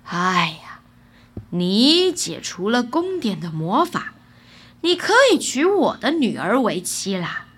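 A woman voicing a weary, resigned old king in a low breathy whisper. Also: sing-song, slow pace, fairly bright tone, exaggerated voice.

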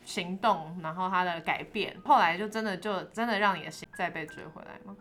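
A woman hosting a podcast interview, expressive and quick to react with surprise. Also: lowish voice, faint music behind. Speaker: host.

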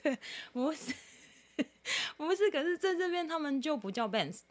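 A woman from Taiwan chatting casually as a podcast co-host, telling an animated story, mimicking other people's voices and laughing often. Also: high-pitched, normal speed. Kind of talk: casual chat.

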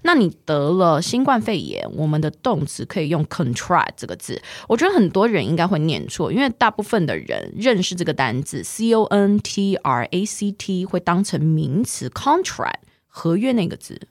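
A woman's voice: fairly low pitch, wildly swooping pitch, moderate pace, dry recording, clean studio sound. A woman teaching English vocabulary, patiently drilling words and having the learner repeat them. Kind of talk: bilingual language lesson.

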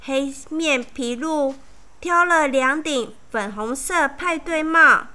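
A woman reading a children's picture book aloud in a slow, animated storytelling manner. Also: high voice.

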